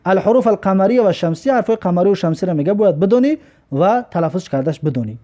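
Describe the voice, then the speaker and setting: A man with a Tajik accent teaching in a high, lively voice that climbs and drops a lot. His tone is dark and mellow. He reads each word out slowly, then explains it more quietly. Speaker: Arabic teacher. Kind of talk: recorded lesson.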